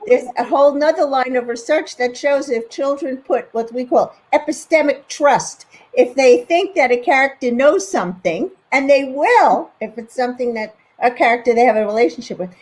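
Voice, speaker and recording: A woman on a video-call panel explaining child research in a measured, teacherly way. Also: sits high, rough recording. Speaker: education researcher guest.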